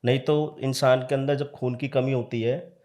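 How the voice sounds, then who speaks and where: A man, a tantric practitioner, telling a true horror story as a podcast guest in a casual, animated way, acting out the dialogue. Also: medium pitch, normal speed.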